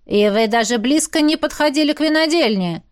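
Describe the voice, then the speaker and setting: A woman's voice: on the high side, lively intonation, moderate pace, natural voice. A woman voicing a stern, suspicious older man who questions people in an accusing, official tone.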